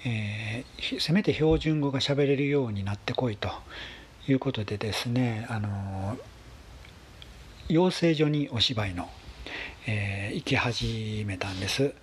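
A man with a husky voice, telling a story in a casual, polite monologue with gentle pauses. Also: mid-range voice, slight background noise. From Kansai, Japan. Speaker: solo talk show host.

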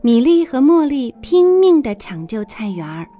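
Lively high-voiced woman storyteller. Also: moderate pace, soft background music. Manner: expressive, sing-song. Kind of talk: children's story reading.

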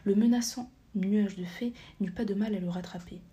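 A woman narrating a storybook audiobook, reading steadily and sometimes dropping to a soft, near-whispered tone. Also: medium pitch, normal speed, highs cut off. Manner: steady reading, drops to a soft near-whisper at times, corrects small slips. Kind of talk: scripted narration.

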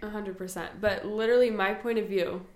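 A woman's voice: medium pitch, fairly even intonation, fairly quick, a crowd in the background. A woman in her twenties, co-hosting a casual podcast chat in an earnest, reassuring way. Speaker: podcast co-host. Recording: roomy echoey room.

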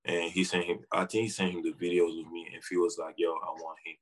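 A man's voice: low voice, flat delivery, fast, poor audio. A young man with a Senegalese accent giving short, informal, slangy answers as a guest in a casual interview. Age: young adult. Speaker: interview guest, basketball player.

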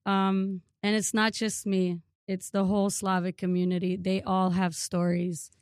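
A woman's voice: medium pitch, monotone, a little slow, a little mellow, smooth, no room sound. Earnest woman in her 30s from ukraine, guest on a podcast, lots of ums and restarts, dead dry sound. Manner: earnest, frequent fillers and restarts. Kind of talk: casual interview.

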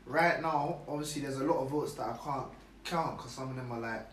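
A man's voice: mid-range voice, fairly quick. A young man with a London roadman accent, chatting casually in street slang. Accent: London roadman (Multicultural London English). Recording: echoey room, distant mic, faint noise.

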